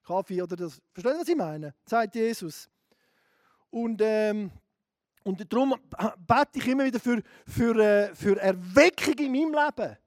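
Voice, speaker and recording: Swiss German preacher, man, middle-aged, very high voice, fiery delivery that swings from hushed to shouting. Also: lively intonation, moderate pace, no room sound, clean studio sound. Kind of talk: sermon.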